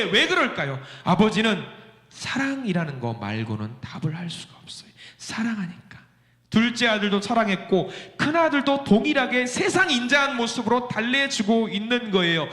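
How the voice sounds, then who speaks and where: A male pastor preaching a sermon in a church, acting out the voices in his text, swinging between loud outbursts and soft, almost whispered lines. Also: high voice. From South Korea. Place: church sanctuary. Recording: echoey church hall.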